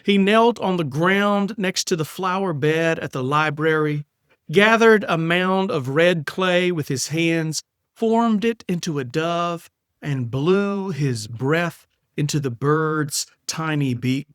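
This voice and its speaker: A middle-aged man, reading his own poem aloud in a measured, wry storytelling way. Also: on the high side, fairly bright tone, clean tone, no room sound, clean studio sound. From South Carolina. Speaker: poet. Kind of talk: poetry reading.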